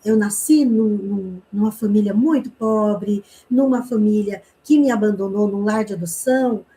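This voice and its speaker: A Brazilian woman from Paraná teaching an online communication class, telling a personal story in a chatty way, with frequent tag questions and quick snatches of reenacted dialogue. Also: medium pitch, dark tone, low-quality recording. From Brazil, interior of Paraná.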